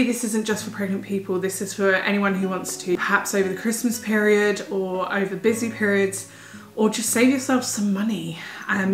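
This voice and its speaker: A young pregnant woman, a little out of breath, chatting enthusiastically in a casual food haul vlog at home. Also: medium pitch. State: heavily pregnant, a bit out of breath. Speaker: vlogger. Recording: roomy home recording with faint music.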